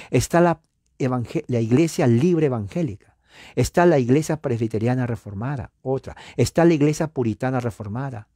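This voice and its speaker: A man giving a classroom lecture, animated, asking the audience rhetorical questions and counting items aloud. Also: medium pitch, no echo, clean studio sound. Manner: counts items aloud, sometimes dropping to a whisper. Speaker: lecturer on church history. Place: lives near Los Angeles.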